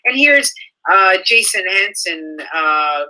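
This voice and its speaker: This young woman speaks at medium pitch, expressive and sharp-toned, over a low-quality recording. Reading out online comments, she responds with casual ranting commentary that's profane, sarcastic, and indignant, halting and restarting frequently.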